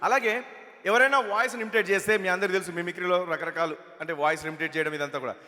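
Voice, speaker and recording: A male stand-up mimic chats to a crowd, setting up his jokes. His voice is high, quick and bright. The stage sound rings through a big hall. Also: steady tone. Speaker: mimicry comedian. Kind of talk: stand-up comedy at a stage event. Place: stage at a film event. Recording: reverberant hall.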